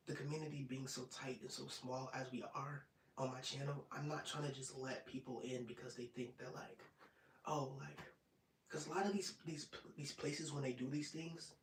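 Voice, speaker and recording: 25 yr old guy rambling on an asmr live stream, pretty monotone, kinda far from the mic in an echoey room. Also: medium pitch, normal speed. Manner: rambling and relaxed, drops into soft whispers at times. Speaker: ASMR channel host. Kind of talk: casual live-stream chat with viewers. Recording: roomy, off-mic sound with faint noise.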